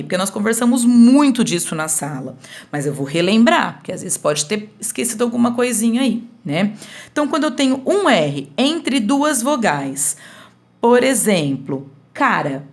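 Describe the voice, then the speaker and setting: A woman teacher giving a remote school lesson, explaining slowly step by step and often checking that her students follow. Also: a little high. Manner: slow, explains step by step with frequent checks for understanding.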